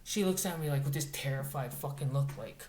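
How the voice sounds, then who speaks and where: A man's voice: medium pitch, brisk, darkish tone. A man tells a story in a blunt, profane and emphatic way, in a casual monologue. The room is echoey and a faint noise sits behind him. He sounds like a man from Montana speaking in his plain voice. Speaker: vlogger.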